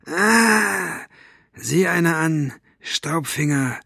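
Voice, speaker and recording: A man's voice: fairly high pitch, expressive, extremely slow, vocal fry, sharp tone, breathy edge, no echo, clean studio sound, pitched above the performer's own voice, exaggerated voice. Man doing a sneering armed henchman. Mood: menacing. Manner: sneering, commanding. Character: menacing male henchman with a shotgun.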